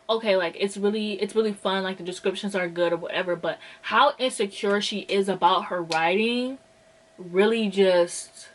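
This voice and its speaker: A woman's voice: mid-range voice, rough recording. A woman talking casually in a book review vlog, chatty and exasperated, leaning hard on the filler "like". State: out of breath. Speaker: book vlogger.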